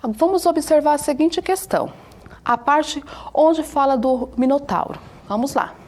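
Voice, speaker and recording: A woman's voice: high voice, unhurried, a little mellow. A woman with a Brazilian accent teaching a televised school lesson from a studio, explaining patiently and often checking in with her listeners. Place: broadcast studio.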